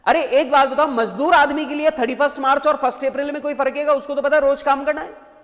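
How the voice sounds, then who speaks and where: A man lecturing a class in a joking, lively way. He keeps asking the students questions and telling them to answer. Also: extremely high pitch, fast, long reverb tail. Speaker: teacher.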